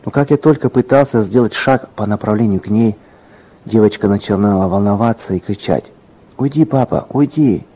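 Low, mellow male storyteller. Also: steady tone, brisk. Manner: earnest, dramatic storytelling that drops to a hush. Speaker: narrator. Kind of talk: scripted story narration. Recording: dull lo-fi recording.

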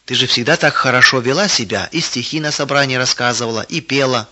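A devout older woman speaks gently and soothingly in a storybook reading, voiced by a man. The tone is bright, and the recording sounds slightly dull. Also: mid-range voice, fast. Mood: gentle.

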